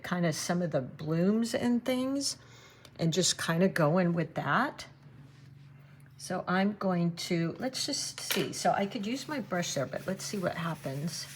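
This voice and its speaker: Lady painting watercolors on camera, kinda low voice, chatty asides, thinking out loud. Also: slight background noise. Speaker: watercolor art teacher. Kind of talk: relaxed painting demonstration.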